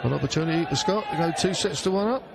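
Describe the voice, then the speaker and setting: A man's voice: on the high side, rapid-fire, creaky. A man co-commentating on live darts with brief reactions to the play. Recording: noisy venue with loud crowd. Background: crowd and venue noise.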